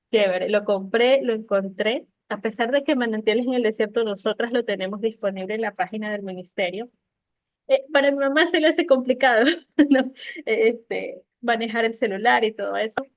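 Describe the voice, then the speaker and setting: A woman's voice: mid-range voice, no room sound. A woman in her thirties sharing a heartfelt testimony at an online prayer meeting, telling her story with many fillers. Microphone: online call. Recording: tinny phone-like call audio, dry.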